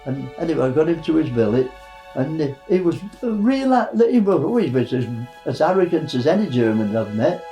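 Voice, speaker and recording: A man in his nineties, a war veteran recounting wartime memories in a halting way, with many fillers. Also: on the high side, big pitch swings, mellow, faint music behind, rough recording. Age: 90s.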